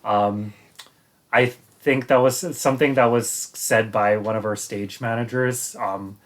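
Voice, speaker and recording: A man's voice: mid-range voice, steady tone, unhurried. A man, a stage actor, talking casually in an interview, hesitantly searching for his words.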